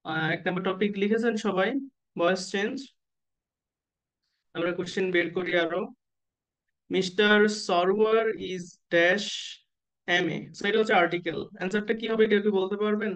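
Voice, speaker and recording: A man tutoring nursing exam candidates in an online class, who keeps asking the students questions and slowly spells out letters and abbreviations. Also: high-pitched, steady tone, fairly bright tone. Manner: asks the class questions and waits for answers.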